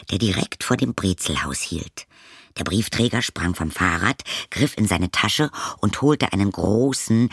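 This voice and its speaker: A man reading a children's storybook aloud in a calm, unhurried manner. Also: on the low side, creaky, breathy edge, dry recording, studio quality. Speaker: narrator. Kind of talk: storybook audiobook narration.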